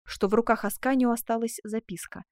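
A woman reading a classic novel aloud as an audiobook narrator, in a measured, expressive way. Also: on the high side, dry recording, studio quality. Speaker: audiobook reader.

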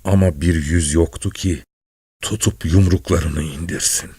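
A man reads a story aloud slowly in a low, mellow voice. His delivery stays calm and measured throughout. The recording is close and dry. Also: breathy edge, no room sound. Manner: calm, measured, soft-spoken. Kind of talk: slow literary story reading.

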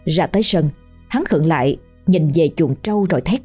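A woman narrating a horror story in a slow, hushed, ominous manner. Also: sits low, lively intonation. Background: faint music.

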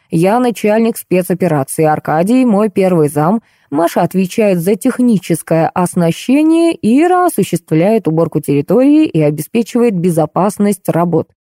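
A woman's voice: medium pitch, dark tone, no echo, studio quality, lightly acted. A woman reading the lines of a pompous, bossy middle-aged police colonel in an audiobook. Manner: pompous commanding.

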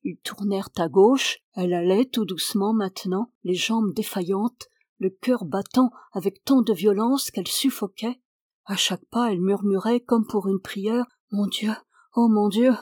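A woman reading a classic story aloud in measured, even audiobook narration. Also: medium pitch, husky, no room sound, clean studio sound. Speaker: reader.

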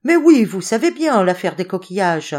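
A woman's voice: mid-range voice, big pitch swings, normal speed, a little mellow, pitched above the performer's own voice. A woman reading the part of a pompous, authoritarian male deputy office chief who lectures his colleagues. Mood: matter-of-fact. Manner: indignant, lecturing.

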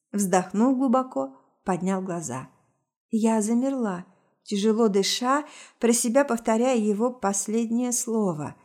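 A woman with a rather high voice reading a first-person story aloud. She keeps an even, steady storytelling pace through the narration.

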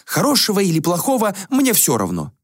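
A vain, flippant young prince, as a man puts him on in a storybook reading, drawling his scorn in a high, lilting voice. He sounds affected and mocking, swooping up and down. Dry, close sound. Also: wildly swooping pitch, fairly quick, no room sound, full character voice.

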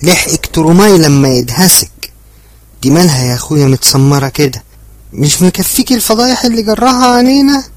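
A man's voice: fairly high pitch, expressive, fairly quick, no echo, pitched above the performer's own voice, natural voice. A man voicing a fat, furious middle-aged woman who scolds and shrieks in an Egyptian accent, in an audiobook. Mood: scolding. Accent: Egyptian Arabic. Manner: shrieking, nagging. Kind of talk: audiobook character voice.

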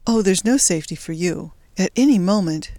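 A reader voicing an anxious young Belgian woman who speaks in a low, hesitant voice in an audiobook story. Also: expressive, fairly quick, mellow, dry recording, lightly acted. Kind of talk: audiobook character voice.

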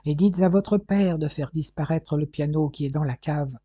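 Secretive male stranger, put on by a narrator, hushed, breathy, dark, dry dull sound. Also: medium pitch, normal speed, no room sound, lightly acted. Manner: hushed, whispering.

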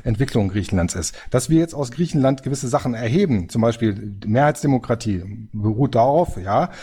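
A man's voice: mid-range voice, lively intonation, fairly quick, mellow, husky. A man in a panel discussion, speaking up from the audience with an earnest, lecturing manner and frequent restarts. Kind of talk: spontaneous debate statement.

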